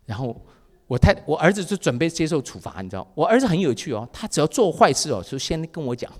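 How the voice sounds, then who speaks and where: Male pastor preaching a sermon with lively storytelling; reverberant hall. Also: a little high, fast talker. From Taiwan. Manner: lively storytelling with acted dialogue.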